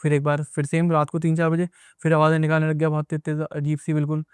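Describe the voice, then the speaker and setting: Fast-talking young man telling a story. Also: on the high side, completely flat delivery, darkish tone, smooth, no echo, clean studio sound. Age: young adult. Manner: rambling, repetitive retelling with many asides. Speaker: guest recounting an experience. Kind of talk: casual spoken storytelling.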